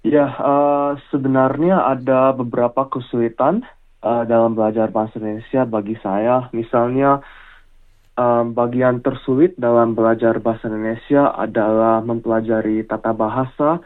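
A man's voice: mid-range voice, level tone, moderate pace. A young man from Australia, in his late teens, answering interview questions as a student in careful, polite, textbook-like phrasing. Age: late teens, young adult. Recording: muffled telephone line.

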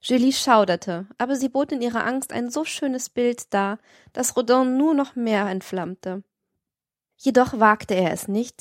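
A woman reading an audiobook in a steady, measured narration. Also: medium pitch, no echo, clean studio sound. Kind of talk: scripted narration.

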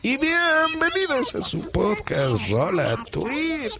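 Cartoon podcast character, squeaky high pitch, electronic pitch shift. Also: male voice, wildly swooping pitch, slow pace, heavy background noise, exaggerated voice. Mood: goofy. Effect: pitch-shifted voice effect.

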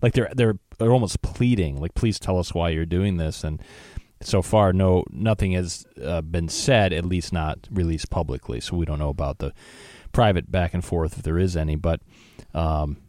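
Deep-voiced man chatting over news. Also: moderate pace, warm tone, no echo, studio quality. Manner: conversational, many fillers and restarts. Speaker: co-host. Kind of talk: casual news discussion.

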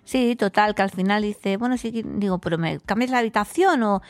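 A woman's voice: medium pitch, fairly quick, no room sound. A woman from Spain hosting a podcast, casually recounting a hotel mishap and acting out the dialogue with laughs. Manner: chatty, acts out dialogue with laughs. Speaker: podcast host. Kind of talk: casual travel storytelling.

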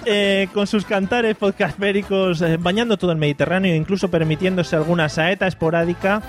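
A man's voice: high voice, steady tone, fairly quick. A man hosting a casual podcast, introducing his guests with jokes and laughing at his own lines. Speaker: podcast host.

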